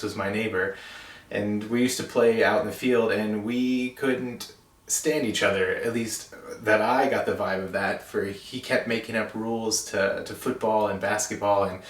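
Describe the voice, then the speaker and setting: A young man giving a wedding toast as best man, speaking informally and haltingly with self-deprecating asides. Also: on the low side, fairly bright tone. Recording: roomy echo, distant microphone.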